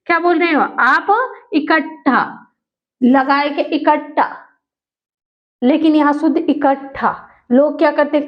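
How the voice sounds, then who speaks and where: A woman teaching a spoken grammar lesson to students, repeating each word slowly and carefully to drill its pronunciation. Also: high voice. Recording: dull lo-fi recording.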